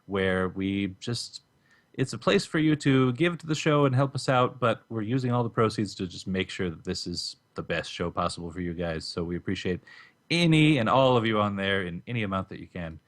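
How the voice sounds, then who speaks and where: Low-voiced chatty podcast co-host. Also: male voice, animated, a little fast. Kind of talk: casual podcast chat.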